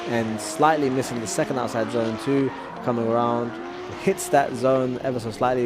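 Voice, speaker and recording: A man giving live motorsport play-by-play commentary, explaining things in a measured, casual way. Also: medium pitch. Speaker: commentator and drift driver. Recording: clear outdoor vehicle noise. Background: cars and outdoor ambience.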